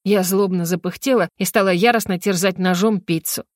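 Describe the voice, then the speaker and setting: A woman narrating a first-person novel as an audiobook in a lively, expressive manner. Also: mid-range voice, brisk, no echo, studio quality.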